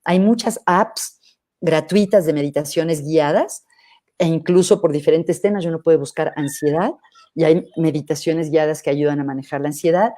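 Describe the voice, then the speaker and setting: A middle-aged woman psychologist, answering questions in a thoughtful, measured way with hesitant restarts. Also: low-pitched, dark tone. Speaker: psychologist guest. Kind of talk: live interview answering questions.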